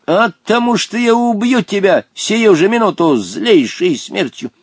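A man's voice: high voice, lively intonation, unhurried, slightly rough, no room sound, studio quality, pitched above the performer's own voice, full character voice. A man voicing a pompous, wrathful old male genie in an audiobook, speaking in archaic, threatening phrases. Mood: haughty. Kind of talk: audiobook character voice.

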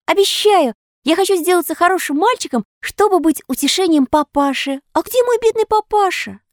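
A woman voicing a mischievous, eager wooden puppet boy in a squeaky, exclamatory child voice. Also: expressive, normal speed, dry recording, studio quality. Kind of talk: audiobook character voice.

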